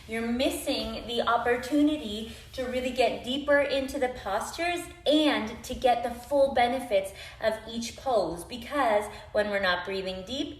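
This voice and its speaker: A woman yoga instructor giving tips in a casual, upbeat, chatty vlog, encouraging her viewers. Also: on the high side. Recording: echoey room.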